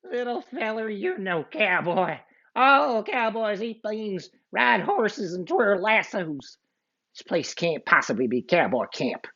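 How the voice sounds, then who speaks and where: A man voicing a mean, gruff cowboy outlaw with a drawl in a storybook reading, on a muffled lo-fi recording. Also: high-pitched, sing-song, slow pace, bright, forceful tone, pitched above the performer's own voice, full character voice. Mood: grumbling.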